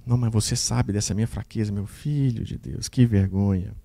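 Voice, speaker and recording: Man playing a sad ashamed old dad, quiet and hesitant, warm low tone. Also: steady tone, normal speed, gravelly. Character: ashamed older father, grieving and contrite.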